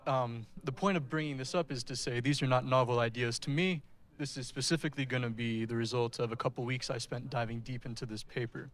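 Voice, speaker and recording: A man's voice: mid-range voice, steady tone, fairly quick, few pauses, fairly bright tone. Man presenting in front of an audience. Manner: presenting in front of an audience, addressing listeners directly. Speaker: speaker giving a technical talk. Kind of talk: conference-style presentation to an audience.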